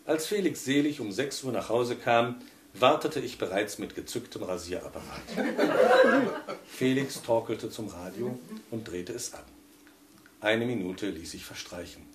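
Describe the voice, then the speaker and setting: A man reading a humorous story aloud in a wry, lively way. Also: medium pitch, unhurried, very noisy. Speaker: narrator.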